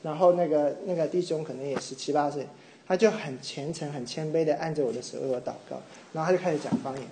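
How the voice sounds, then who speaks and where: A middle-aged man from Taiwan preaching a sermon, telling a personal story with animated mimicry of others. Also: fairly high pitch, fast talker, slight background noise. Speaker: pastor. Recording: echoey room with faint ambience.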